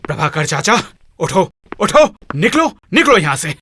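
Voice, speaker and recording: An actor playing a proud, angry younger brother who scolds the servants, in a Hindi film drama. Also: male voice, on the high side, big pitch swings, a little slow, pushed and bright, a little hiss or hum, heavily acted.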